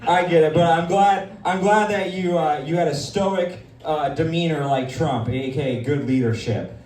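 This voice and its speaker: Brash, crude male comedy host with a high voice and a mock-pompous swagger, captured live, distant from the mic. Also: measured pace, a little mellow. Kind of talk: live stand-up roast. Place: comedy stage in a dispensary. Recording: echoey room, mic at a distance.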